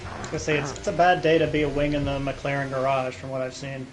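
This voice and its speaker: A man's voice: mid-range voice, flat delivery, quick pace, over music. A young man joking, swearing freely and mocking himself over casual voice chat while sim racing. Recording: noisy game audio behind voice chat.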